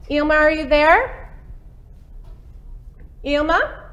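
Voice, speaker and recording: A woman's voice: high-pitched, animated, drawn-out words, a bit bright, highs cut off. A woman in her thirties from Maine, hosting a live webcast in a chatty, upbeat way from a studio set. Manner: upbeat, chatty, laughs often. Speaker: webcast host. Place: studio set with a small table and laptop.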